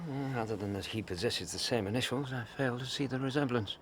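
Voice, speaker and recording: A man's voice: medium pitch, a little fast, slight background noise, natural voice. A man playing dry-witted Doctor Watson. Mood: wry. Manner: dry, wry, understated. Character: dry, loyal male doctor companion, middle-aged. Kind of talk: radio drama acting and narration.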